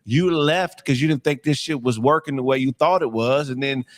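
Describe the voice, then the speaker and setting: A man's voice: medium pitch, normal speed. A man chatting casually on a livestream, laid-back and agreeable with profane slang. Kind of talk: casual chat.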